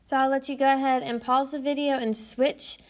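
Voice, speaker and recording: Woman, teacher, fairly high pitch, patient explanatory lesson narration, tablet screencast mic. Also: little pitch movement, moderate pace. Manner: patient, explanatory, frequent "um" fillers. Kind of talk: recorded classroom lesson narration.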